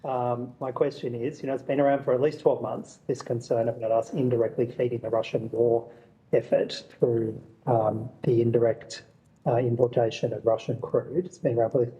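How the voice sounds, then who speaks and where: A man's voice: medium pitch, steady tone, normal speed, dark tone, muffled recording. An Australian man, a senator, pressing witnesses with insistent repeated questions over a remote audio link that keeps breaking up. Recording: distant, patchy remote call audio.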